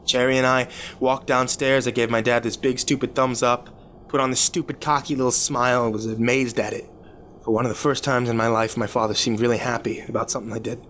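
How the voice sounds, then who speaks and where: Man acting a troubled, halting young man confessing, noisy recording. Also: mid-range voice, a bit bright, close to an everyday voice. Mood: bitter, regretful. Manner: halting, confessional, stammering over repeated words. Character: troubled rich young man confessing his cruel teenage past. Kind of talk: dramatic first-person horror story monologue. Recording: clear background noise.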